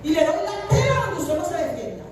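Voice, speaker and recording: Predicadora de voz aguda en una sala con eco. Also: female voice, very high-pitched, sing-song, a little fast, music in the background. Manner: emphatic preaching, breaks into sung phrases. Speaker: pastor. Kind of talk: sermon. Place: church hall. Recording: echoey hall, mic at a distance.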